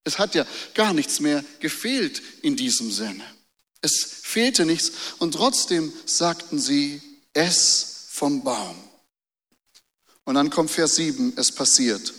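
Male pastor, somewhat high voice, sermon delivery with rhetorical questions and repeated phrases; reverberant hall. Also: lively intonation, a little slow, a bit bright. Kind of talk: sermon with Bible reading.

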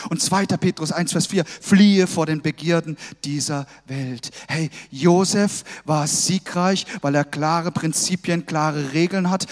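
Male pastor, very high voice, emphatic exhorting sermon, long hall reverb. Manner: emphatic, exhorting, with frequent "hey" calls to the congregation.

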